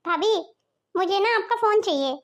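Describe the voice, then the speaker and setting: A scheming teenage girl coaxes and wheedles in a cartoon story, voiced by a woman. Her voice is extremely high and thin. She sweet-talks to get her way. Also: expressive, moderate pace. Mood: coaxing. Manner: wheedling, coaxing.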